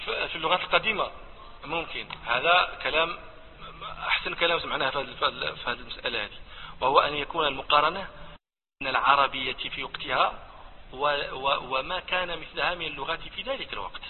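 Moroccan teacher, fast, tinny phone-like sound with a long echo, tests the class with questions. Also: male voice, on the high side, a little hiss or hum. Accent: Moroccan Arabic. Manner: explains by quizzing listeners. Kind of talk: classroom discussion.

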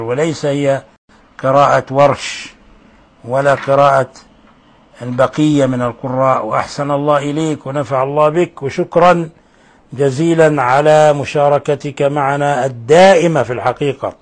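A middle-aged man hosting a radio lesson, patiently correcting callers' pronunciation with repeated examples. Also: a little high. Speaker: host and recitation teacher.

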